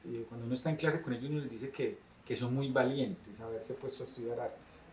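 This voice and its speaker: A man's voice: mid-range voice, fairly even intonation, brisk, darkish tone, far from the mic, a little hiss or hum. A man, a teacher interviewing a guest in a thoughtful, rambling way. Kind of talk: conversational interview questions. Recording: roomy, off-mic sound.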